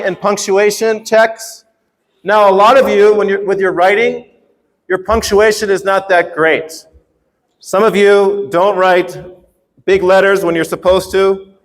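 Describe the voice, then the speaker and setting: A man teaching English in a casual, playful workshop style, often checking in with his students as he explains. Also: high-pitched. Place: large reverberant room at a university workshop. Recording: echoey hall with long reverb.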